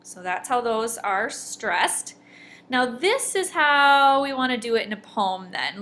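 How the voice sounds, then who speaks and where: A woman's voice: fairly high pitch, fairly bright tone. A woman teacher talking her class through a homework worksheet over a screen recording, explaining each answer and reading examples aloud with exaggerated stress.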